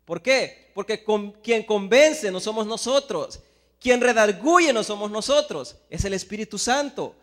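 A man from El Salvador with a Salvadoran Spanish accent, preaching a sermon, swinging between hushed asides and loud emphatic Bible readings. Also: high-pitched, lively intonation, measured pace, long reverb tail.

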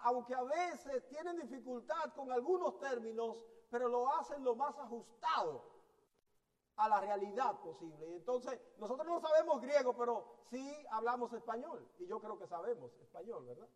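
High-voiced man preaching in a reverberant hall. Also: expressive, normal speed. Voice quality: hesitant restarts mid-sentence. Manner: teaching, asks the congregation rhetorical questions. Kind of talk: sermon.

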